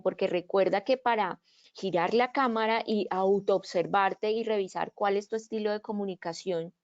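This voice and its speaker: A woman's voice: medium pitch, a little mellow. A woman giving a virtual conference talk on leadership, often checking in with her listeners and acting out quoted phrases. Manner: asks frequent "¿sí?" checks, acts out quoted phrases. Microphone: video call. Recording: dull lo-fi online call audio.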